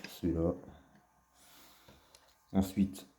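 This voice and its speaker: A collector walks through his finds in a casual vlog, speaking extremely slowly in a low, dark voice that barely moves in pitch. He's hesitant and affectionate, full of fillers, and the echoey room carries slight background noise.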